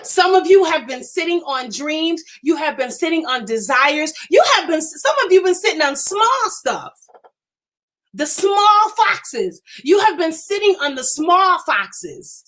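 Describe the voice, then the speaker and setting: A woman preaching fervently to live-stream viewers, emphatic and excited, repeating her phrases and stammering when she gets worked up. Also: high-pitched, normal speed, few pauses. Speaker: inspirational speaker hosting a live stream.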